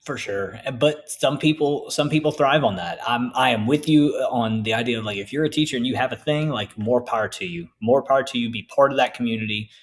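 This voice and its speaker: A man co-hosting a podcast as an English teacher, telling stories in a casual, animated way. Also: mid-range voice, a little fast, hardly any pauses. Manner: animated storytelling, acts out quoted voices.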